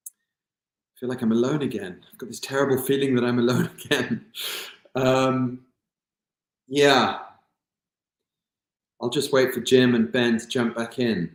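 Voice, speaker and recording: A man's voice: medium pitch, steady tone, a little slow, pauses often, roomy sound. A man from England, a guest on a video call, talking casually with many fillers and restarts. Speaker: guest, kidney recipient. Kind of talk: casual interview chat.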